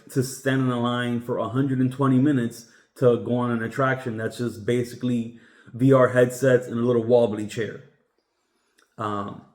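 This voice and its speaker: A man's voice: medium pitch, a little mellow. Opinionated Cuban-born man in a roomy room. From Cuba. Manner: opinionated, emphatic, halting with restarts. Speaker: podcast host. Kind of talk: casual opinion monologue. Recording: roomy echoey room sound.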